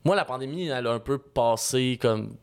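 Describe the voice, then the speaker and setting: A man's voice: medium pitch, moderate pace, clear, resonant tone. A young man with a Quebec French accent hosting a casual podcast chat, talking in colloquial, sweary slang. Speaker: podcast host.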